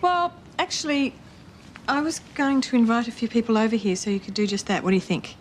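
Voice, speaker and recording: An actress playing a kind, reassuring Australian woman in a television soap, speaking gently and tactfully. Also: on the high side, brisk, close to an everyday voice. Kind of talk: television soap drama acting. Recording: noisy TV soundtrack with ambience.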